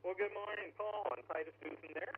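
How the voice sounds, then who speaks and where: A man's voice: high voice, fairly even intonation, fast talker. A man with a chatty, folksy manner hosts a casual amateur radio net like a pirate radio broadcast, heard over a two-way radio. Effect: two-way radio transmission. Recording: tinny narrowband radio transmission, faint hum.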